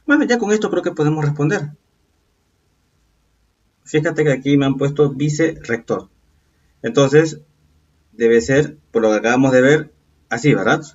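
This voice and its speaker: A man with a husky, mid-pitched voice teaches a recorded review lesson. He explains things patiently and keeps checking in with the class. The sound is dull and lo-fi, and his voice comes from some way off the mic. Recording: distant, dull lo-fi voice.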